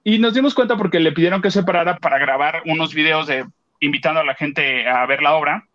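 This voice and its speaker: Man, Mexican accent, co-host, lively storyteller, slightly high voice, dull lo-fi sound. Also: fairly quick. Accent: Mexican Spanish. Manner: animated storyteller, acts out quoted voices. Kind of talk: casual chat, retelling a theater outing.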